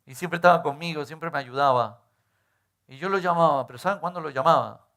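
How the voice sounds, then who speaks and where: A man's voice: on the high side, fairly quick, fairly bright tone. A middle-aged male pastor, preaching in a conversational way and often tagging on rhetorical questions. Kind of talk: sermon.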